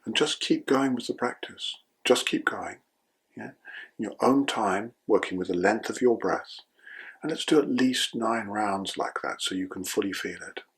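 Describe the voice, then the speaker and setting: An older man teaching breathwork, calmly guiding a breathing practice step by step and often checking in with "yeah?". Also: fairly low pitch, normal speed, husky. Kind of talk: guided breathing instruction.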